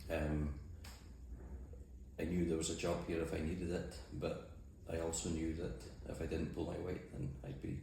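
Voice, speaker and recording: A man's voice: sits low, level tone, normal speed, warm tone. A man with a Shetland accent answering interview questions in an understated, matter-of-fact way. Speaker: mussel farmer and boat skipper. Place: indoors in an office. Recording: very echoey room, faint noise.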